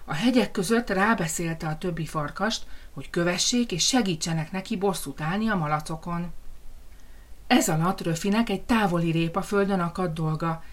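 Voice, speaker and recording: A woman reading a children's fairy tale aloud in a lively, expressive storytelling manner. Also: lowish voice.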